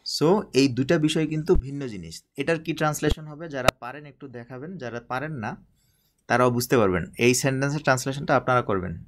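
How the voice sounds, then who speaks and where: Man teaching, slow dictation style. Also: mid-range voice. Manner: slow, drawn-out dictation of example sentences, frequent check-ins with learners. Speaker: English teacher. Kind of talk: recorded online class lecture.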